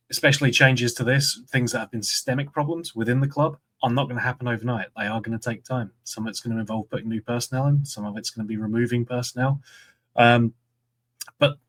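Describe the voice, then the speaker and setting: Measured Scottish man hosting. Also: medium pitch, a bit bright, rough recording. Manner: measured, steers the discussion. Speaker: podcast host. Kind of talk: casual football chat.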